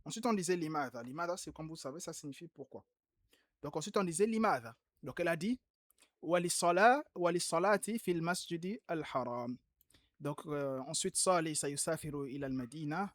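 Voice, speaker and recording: A man's voice: fairly high pitch, a little fast, a bit bright, no echo. Patient man correcting homework aloud. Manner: patient, repeats key points emphatically. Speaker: Arabic teacher. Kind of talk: online class, correcting homework.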